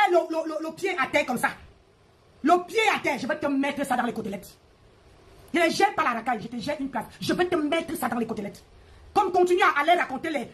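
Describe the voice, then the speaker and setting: A high-pitched woman hosts a live stream and rants at her rivals. She mocks them and repeats her jabs in a heated, confrontational way. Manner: mocking, repetitive, confrontational.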